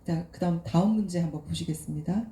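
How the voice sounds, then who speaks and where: A woman moderates a post-screening talk in a brisk, friendly way. Her voice is fairly low and very mellow. It echoes around an event hall. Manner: brisk, friendly, laughs lightly between questions.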